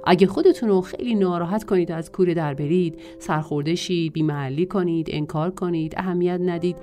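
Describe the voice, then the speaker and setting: A woman narrating a self-help audiobook in a measured reading voice, drawing out lists of words. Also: lowish voice, dark tone, faint music behind.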